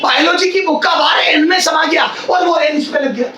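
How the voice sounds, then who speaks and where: A male physics teacher giving a classroom lecture in a loud, near-shouting voice, repeating phrases and quizzing his students. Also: very high-pitched, normal speed. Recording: echoey classroom, mic far off, faint hiss.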